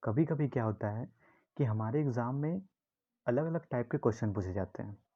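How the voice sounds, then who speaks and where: A man's voice: mid-range voice, lively intonation. Dull-sounding male teacher explaining words. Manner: explains slowly, repeats key words, asks and answers his own questions. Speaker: English teacher. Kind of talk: classroom-style vocabulary lesson.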